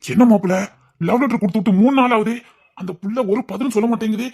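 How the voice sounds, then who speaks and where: A man's voice: sits high, darkish tone. A young man playing a village son who stammers out excuses to his father and reassures his girlfriend. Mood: sheepish. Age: young adult. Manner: stammering excuses, fast and husky.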